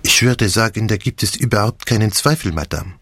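Poirot, fussy French-accented detective. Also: male voice, fairly low pitch, a little fast, husky, no echo, studio quality, full character voice. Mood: courteous probing. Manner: precise, lively, theatrical, French interjections. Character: fussy clever Belgian male detective, middle-aged. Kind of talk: audiobook character reading.

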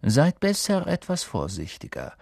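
A man reading aloud, voicing a stern, snide male schoolmaster with a slow, silky, mocking delivery. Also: fairly high pitch, wildly swooping pitch, vocal fry, darkish tone, no room sound, studio quality, voice pushed up, full character voice. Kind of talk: audiobook character voice.

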